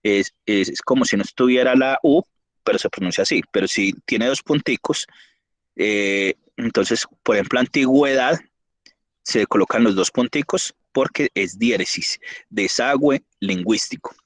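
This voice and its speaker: A man teaching an online class, reading spelling rules and slowly spelling out example words. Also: mid-range voice, no echo.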